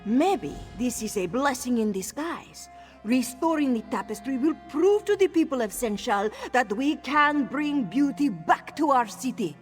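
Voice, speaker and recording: An AI-generated woman's voice plays a proud, elderly cat-folk townswoman who refers to herself in the third person, sounding earnest. It's high-pitched with lively intonation and a measured pace, backed by game music and a reverb tail.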